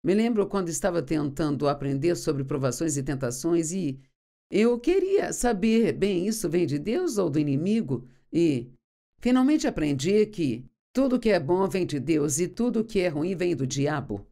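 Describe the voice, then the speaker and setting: Female Bible teacher, earnest and instructive, warm, slightly low voice. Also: big pitch swings, normal speed. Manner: earnest, instructive, reads scripture aloud. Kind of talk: sermon teaching, dubbed voice-over.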